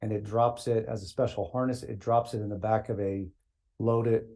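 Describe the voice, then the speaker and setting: Man, podcast guest, energetic storyteller, laughs often, mellow voice. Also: on the low side, normal speed. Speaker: floral greens sales executive guest. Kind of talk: casual podcast chat, storytelling.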